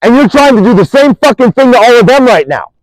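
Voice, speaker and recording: A man's voice: extremely high pitch, big pitch swings, fast, dry recording, low-quality recording. A man delivering an angry, profane monologue, accusing and rambling, restarting sentences as he goes.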